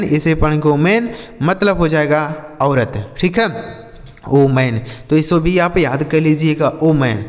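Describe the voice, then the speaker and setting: Slow, high-pitched man teaching spelling. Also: long reverb tail. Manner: slow and deliberate, spells letters and repeats each word; keeps asking the viewer questions and answering them. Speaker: English teacher. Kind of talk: word-by-word spelling lesson.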